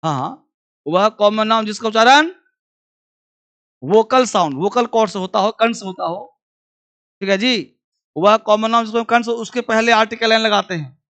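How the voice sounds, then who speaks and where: A high-voiced man teaches a beginners' grammar class. He keeps asking the class questions and answering them himself. He repeats each phrase slowly so students can copy it down. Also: a bit bright.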